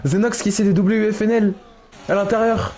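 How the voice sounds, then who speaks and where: A man's voice: high voice, steady tone, fast, a little mellow. A man co-commentating a motorsport race casually, jumping in with exclamations. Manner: exclamatory, interjecting. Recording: clear background noise.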